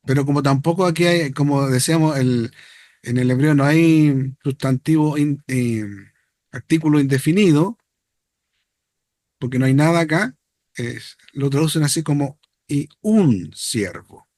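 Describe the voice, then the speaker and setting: A man's voice: on the high side, a little slow, a little mellow, dry recording, clean studio sound. A man teaching a Hebrew class, explaining step by step and checking that students follow.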